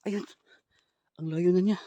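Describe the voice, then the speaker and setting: A man filming a ghost-hunting vlog outdoors in a forest. He talks to his viewers in low, hushed asides and calls out loudly and urgently. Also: fairly even intonation, measured pace, dull audio, slight background noise. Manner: low hushed asides to the camera, then loud urgent calling out. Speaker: ghost hunter vlogger. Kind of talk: live walkthrough vlog addressed to viewers.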